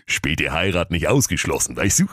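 A man's voice: rumbling low, very animated, normal speed, fairly bright tone, husky, no echo, clean studio sound, exaggerated voice. A man voicing a smug, bumbling young suitor, the prince of a comic fairy tale.

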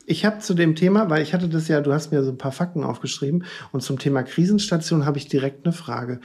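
A man's voice: on the high side, fast, darkish tone, breathy edge. A man hosting a podcast, asking long, rambling interview questions in a chatty way. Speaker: podcast host. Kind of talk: conversational interview.

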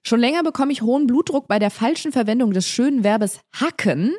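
Husky, animated woman podcast co-host. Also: fairly high pitch, fairly quick. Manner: animated, reads out listener mail. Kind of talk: casual chat.

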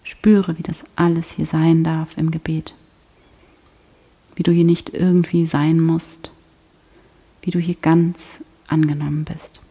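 A woman guiding a prayer meditation in a soft, slow, half-whispered voice. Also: deep voice, little pitch movement, husky. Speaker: prayer guide.

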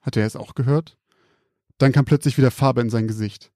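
A man calmly reading out a scripted spooky story in a measured, quiet storytelling manner. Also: mid-range voice, no room sound, studio quality.

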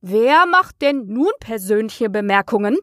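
A woman's voice: a little high, slow, fairly bright tone, no echo, studio quality. A woman reading the part of a rude, eccentric hatter in a storybook, speaking brusquely and mockingly.

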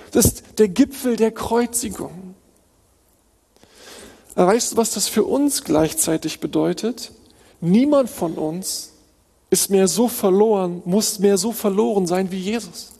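Gravelly-voiced male preacher in a reverberant hall. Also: sits high. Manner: emphatic repetition of short phrases, swinging between hushed and urgent. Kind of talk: sermon.

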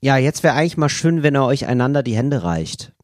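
A man's voice: mid-range voice, fairly quick, dry recording, studio quality. A man co-hosting a comedy podcast, rambling through improvised bits and jumping into voices. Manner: rambling, animated, slips into voices. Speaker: podcast co-host.

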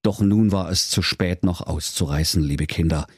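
A man narrating a comic fairy tale in a playful, expressive storytelling manner. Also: sits low, moderate pace, husky, no echo, clean studio sound.

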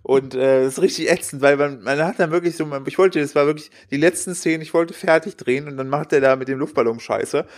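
A man's voice: on the high side, quick pace, hardly any pauses. Rambling slangy young man. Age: 20s. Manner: rambling slangy storytelling with many fillers. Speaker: podcast co-host. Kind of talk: casual chat.

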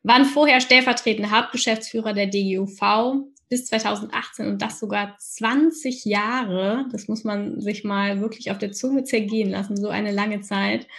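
A woman's voice: medium pitch, fairly bright tone. A woman hosting a podcast interview, friendly and chatty, often restarting her sentences. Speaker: podcast host.

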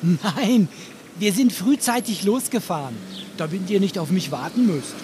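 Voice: medium pitch, expressive, unhurried, noisy background, close to an everyday voice. Kasper, someone doing a cheeky puppet. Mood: eager. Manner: curious, asks many questions. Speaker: puppet character. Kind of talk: children's audio play.

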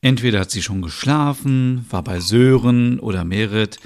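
A man's voice: lowish voice, normal speed, darkish tone, natural voice. A man voicing a chatty, self-absorbed mother in a comedy audio sketch, who talks to herself dramatically and giggles.

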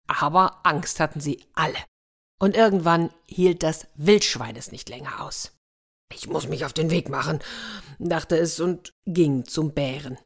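A woman narrating a children's story with dramatic, expressive delivery. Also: deep voice. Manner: dramatic, sound-painting delivery.

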